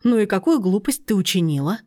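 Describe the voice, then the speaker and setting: Woman doing a bossy, shrill middle-aged aunt. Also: lively intonation, fairly quick, a little mellow, close to an everyday voice. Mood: indignant. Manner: indignant, shrill outbursts.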